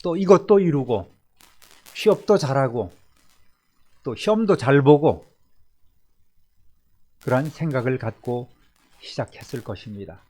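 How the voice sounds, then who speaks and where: A male pastor giving a Sunday sermon, swinging between emphatic rises and soft, low endings. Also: animated, unhurried, pauses often. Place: church service.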